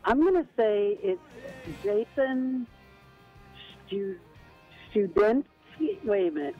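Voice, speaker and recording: A woman's voice: medium pitch, lively intonation, slow pace, over music. A woman calling in to a radio contest over a crackly cordless phone line full of static, hesitantly sounding out a name. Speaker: radio caller. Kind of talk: call-in contest answer.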